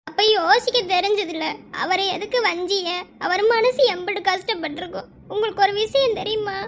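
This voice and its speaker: A woman's voice: very high-pitched, slight background noise. A woman voicing a sulky, tearful young village wife with a Madurai Tamil accent, pouty and teasing in a cartoon. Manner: pouty, teasing, quick to tears.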